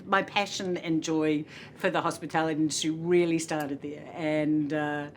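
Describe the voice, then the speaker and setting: Chatty New Zealand woman, slightly low voice. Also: steady tone, normal speed, slight background noise. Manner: chatty, laughs often, many filler uhs. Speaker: hotel executive guest. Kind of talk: casual interview chat. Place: hotel.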